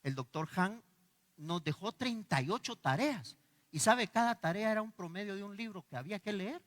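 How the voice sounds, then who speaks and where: Animated Guatemalan pastor in an echoey hall. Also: male voice, sits high, moderate pace. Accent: Guatemalan Spanish. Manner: animated storyteller acting out dialogue, laughing. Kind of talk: sermon with personal storytelling. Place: church hall.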